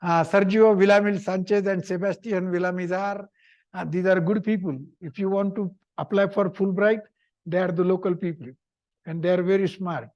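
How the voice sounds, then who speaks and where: High-pitched older man giving informal lecture. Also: darkish tone, highs cut off. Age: middle-aged or older. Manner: chatty, repetitive, short simple phrases. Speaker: visiting professor giving a seminar talk.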